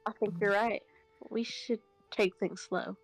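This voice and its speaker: A woman voicing a flirtatious male colonel in a dating game, with a put-on smooth country accent. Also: mid-range voice, fairly even intonation, measured pace, soft background music. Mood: tender. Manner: smooth country drawl, seductive.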